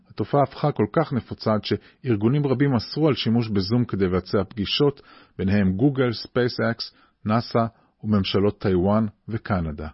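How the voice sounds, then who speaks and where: A man's voice: on the low side, husky, no room sound, muffled recording. A man hosting a podcast, putting questions and explaining things in an informative way. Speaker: podcast host. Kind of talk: interview questions and scripted explanatory narration.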